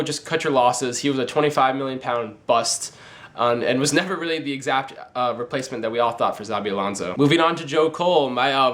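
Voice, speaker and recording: Fast-talking, emphatic young man hosting a sports vlog. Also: medium pitch. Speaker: sports video host. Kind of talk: opinionated sports commentary vlog.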